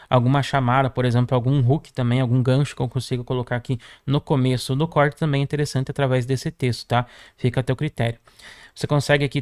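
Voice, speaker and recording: A Brazilian man walking viewers through a software tutorial, constantly checking in with "tá?" as he clicks through features. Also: a little high, no echo, studio quality. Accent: Brazilian Portuguese. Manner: brisk, peppers sentences with "tá?" and "ó". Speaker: tutorial host. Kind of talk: screen-recorded software tutorial.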